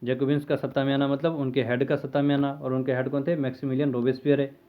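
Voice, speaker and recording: A man's voice: medium pitch, level tone, fast talker. A man teaching a history lesson in a conversational way, asking questions and answering them himself. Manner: conversational, asks and answers his own questions. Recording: tinny phone-like lo-fi audio.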